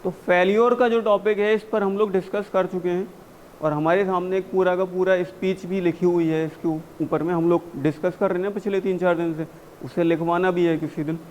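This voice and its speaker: English coach guy in a classroom, highish voice, slight background noise, scolds and drills phrases slow. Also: fairly even intonation, darkish tone, muffled recording. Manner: drills phrases slowly, scolding and urging students to read with energy. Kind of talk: classroom teaching in Hindi mixed with English. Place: university classroom.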